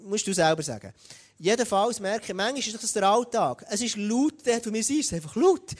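A man with a Swiss German accent preaching a sermon, talking straight to the congregation in a lively way. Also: sits high, a little fast. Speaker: pastor.

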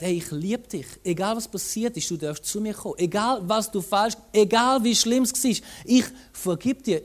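A preacher with a Swiss German accent giving a sermon in a lively way, with many rhetorical questions and direct asides to the listener. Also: mid-range voice.

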